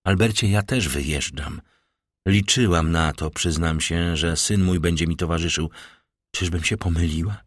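Tender, resolute noble mother from a classic novel, read by a man with a very deep, low voice. Soft and earnest. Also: normal speed, no room sound, clean studio sound. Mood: tender resolve.

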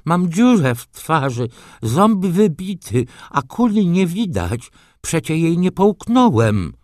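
A man voicing a vain, flustered nobleman in an audiobook, talking in a shrill, fussy voice. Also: very animated, takes it slowly, a little mellow, dry recording, studio quality. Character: shrill vain old-school male baron.

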